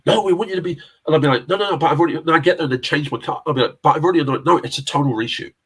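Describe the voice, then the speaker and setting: Here the middle-aged South London man talks very fast in a fairly high, slightly bright voice with a breathy edge. An English casting director and actor being interviewed, he rambles through film-industry anecdotes in casual conversation, laughing a lot and occasionally cursing.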